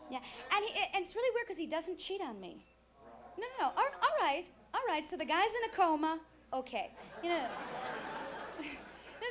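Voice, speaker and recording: A woman from New York doing stand-up comedy, chatty and constantly checking in with the audience with little tag questions. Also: extremely high pitch. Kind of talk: stand-up comedy with prop gags and impressions. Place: comedy club stage. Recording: noisy live club recording with audience. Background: audience noise and laughter.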